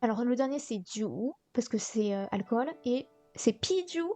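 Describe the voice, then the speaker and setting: A woman's voice: on the high side, expressive, normal speed, a little mellow, faint music behind. A woman streaming live as she revises vocabulary, thinking aloud and often correcting herself. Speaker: streamer studying Chinese vocabulary. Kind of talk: live-stream study session.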